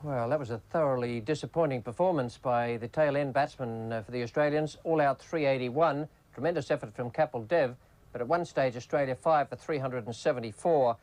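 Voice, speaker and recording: A man's voice: mid-range voice, brisk, a little mellow, poor audio. A man giving cricket commentary and summing up play in a broadcast. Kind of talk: live sports commentary and summary. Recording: archive cricket broadcast over crowd noise. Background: stadium crowd.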